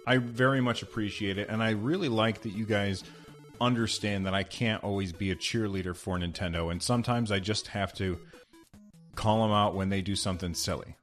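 A man with a lowish voice hosts a podcast on his own, talking in a chatty, rambling way. His voice bounces around an unfinished studio room and comes back with a clear echo. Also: a little fast, fairly bright tone, faint music behind. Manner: chatty and rambling, many fillers. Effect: echoey half-finished room. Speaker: podcast host. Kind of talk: casual solo podcast talk.

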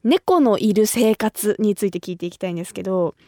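A woman from Kumamoto hosting a casual radio interview, chatty and quick to laugh. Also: medium pitch, dry recording, studio quality. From Kumamoto, Japan. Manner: bright, chatty, laughs often. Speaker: radio host.

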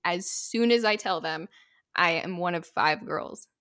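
A woman's voice: on the low side, measured pace, fairly bright tone. A woman in her twenties hosting a podcast, chatting casually and laughing often. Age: 20s. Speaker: podcast host. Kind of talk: casual chat.

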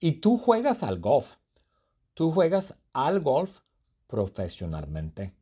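Slow, playful male Spanish teacher. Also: mid-range voice, wildly swooping pitch, dark tone, husky. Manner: slow, repetitive, playful storytelling with exaggerated exclamations. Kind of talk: comprehensible-input storytelling lesson.

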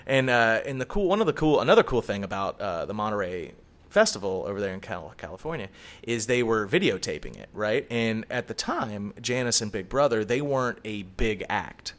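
Man, lowish voice, middle-aged, casual podcast chat, rambling, swears a lot. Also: very animated, fairly quick, a bit bright. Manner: profane, rambling, storytelling. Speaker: podcast co-host.

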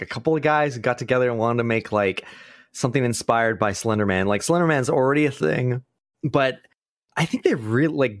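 A man chatting casually as a podcast guest. He swears freely and tells stories with lively energy. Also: mid-range voice, dry recording, clean studio sound. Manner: swears freely, laughs easily, animated storytelling. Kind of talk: casual chat.

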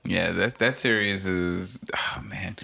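A man's voice: sits low, slow, vocal fry, pushed and bright. A man in a casual podcast chat, talking as a co-host in an informal, slangy, sweary way.

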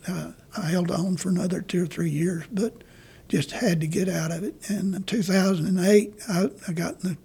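Husky, mellow-voiced older man. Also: high voice, steady tone. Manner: rambling, halting storyteller. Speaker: artist guest. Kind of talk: casual interview talk.

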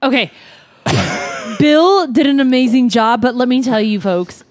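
Una mujer que copresenta un pódcast en charla informal, juguetona y risueña, que bromea con sus compañeros. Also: female voice, fairly high pitch, lively intonation, a little slow, no echo, studio quality. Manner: playful, giggly, teasing. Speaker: podcast co-host. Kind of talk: casual chat.

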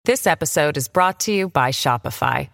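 A woman's voice: deep voice, expressive, moderate pace, gravelly, a bit bright, no room sound, studio quality. A woman delivering a scripted sponsor read as an advert announcer.

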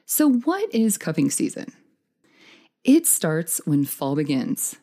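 A woman's voice: low-pitched, very animated, takes it slowly, mellow. A woman hosting a scripted dating advice podcast, speaking in an upbeat, tidy, encouraging way like an advice vlogger. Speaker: podcast host.

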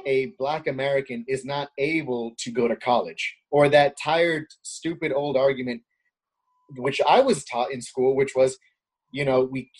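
A man's voice: mid-range voice, steady tone, moderate pace, breathy edge. A man from Queens, a talk show guest who talks casually with many fillers and rising indignation. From Queens, New York. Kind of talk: political talk show chat.

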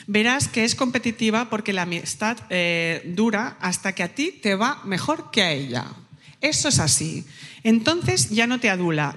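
A woman hosting a live comedy podcast on stage, talking in a lively, mocking way. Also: medium pitch. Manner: lively, mocking, mimics others in quotes. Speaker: podcast host. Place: live stage before an audience. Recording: long hall reverb.

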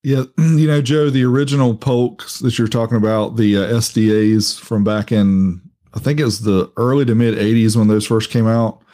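A man appearing as a guest on a live audio podcast, explaining gear and plans in a relaxed way and sometimes unsure of the details. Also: on the low side, normal speed, few pauses. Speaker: podcast guest, co-host of another show. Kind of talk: casual podcast chat.

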